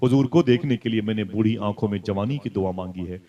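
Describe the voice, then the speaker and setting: A male preacher gives a passionate religious sermon, telling it like a story. He slips into soft asides, then climbs to loud, high exclamations, and keeps putting direct questions to his listeners. His pace is fairly quick and the sound is lo-fi.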